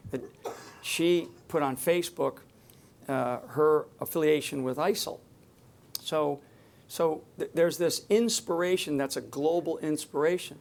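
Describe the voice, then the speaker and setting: This security speaker addresses a live crowd off the cuff, emphatic and wandering, often breaking off to begin a sentence again. His voice sits at medium pitch with noticeable vocal fry.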